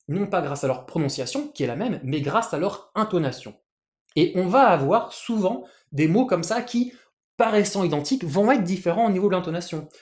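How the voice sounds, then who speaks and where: A Japanese language teacher explaining pitch accent patiently in a lesson, often repeating words and restarting phrases. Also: a little mellow, reverberant. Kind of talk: explanatory lesson with written examples.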